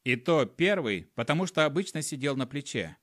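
A man's voice: fairly high pitch, very animated, moderate pace, no echo, clean studio sound. A man narrating a humorous first-person audiobook in a wry storytelling manner. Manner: wry storytelling with acted dialogue.

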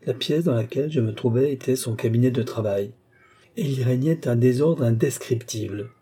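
Dark, husky male audiobook narrator. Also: mid-range voice, moderate pace. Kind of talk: scripted narration.

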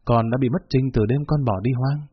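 A man voicing a cold, blunt middle-aged mother who speaks in a flat, unbending tone, in a dull lo-fi recording. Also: mid-range voice, a little fast, husky, lightly acted. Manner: flat, level, unbending delivery.

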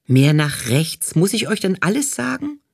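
A man's voice: a little high, expressive, measured pace, no echo, studio quality. A man voicing an impatient, bossy female casting manager who snaps out orders in an audiobook. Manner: snapping, barking orders. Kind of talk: audiobook character voice.

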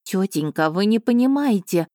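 A woman's voice: lively intonation, moderate pace, dark tone, no echo, studio quality, lightly acted. A woman reading an audiobook voices a nervous, bewildered young heroine who protests in a slightly raised voice. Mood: flustered. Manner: higher, flustered and protesting.

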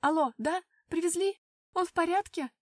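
A woman voicing the narrator's excitable young sister, who turns breathless and shrill when alarmed. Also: moderate pace, dry recording, studio quality, recorded from a distance. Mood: panicked.

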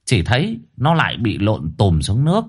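A man's voice: normal speed, slightly rough. A man narrating a horror story dramatically. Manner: animated, swinging pitch for drama.

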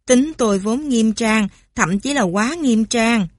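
A woman's voice: fairly high pitch, slow pace, no room sound. A woman voicing a serious, reserved mother speaking earnestly. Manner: earnest, self-deprecating.

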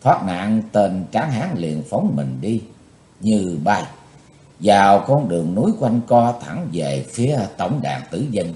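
A man narrates a martial-arts novel as an audiobook, telling it dramatically and with plenty of variation. His voice is lowish and dark in tone, and the recording has a roomy echo.

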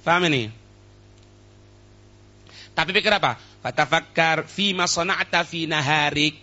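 A man's voice: on the high side, bright, forceful tone. A man preaching a sermon, quoting Arabic lines, translating them and asking his listeners questions. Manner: quotes Arabic then translates, asks the audience questions. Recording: dull lo-fi recording.

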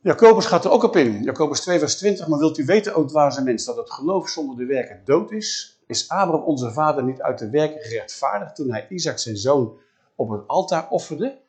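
Man preaching with lively storytelling. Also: a little high, fairly quick. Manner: lively storytelling, acts out biblical dialogue in a casual voice. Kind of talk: sermon.

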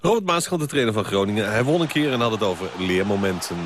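A man presenting radio sports, linking to reports with brisk introductions. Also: on the low side, lively intonation, heavy background noise. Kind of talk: studio link between reports.

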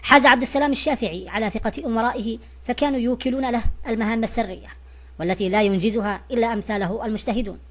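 A woman's voice: fairly high pitch, rapid-fire. A woman giving a scripted narration in a formal, literary reading style.

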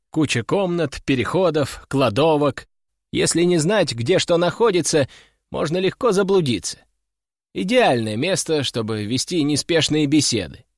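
A man reading a first-person story aloud in an even, casual, dryly ironic way. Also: on the high side, dry recording, studio quality. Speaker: audiobook narrator. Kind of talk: first-person audiobook narration.

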